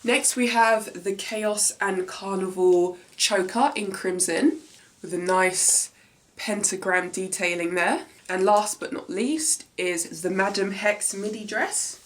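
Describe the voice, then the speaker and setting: A young woman with a nasal, mid-range voice takes it slowly as she unboxes and tries on clothes for her fashion vlog. Speaking casually and enthusiastically, she narrates what she's handling in a small room.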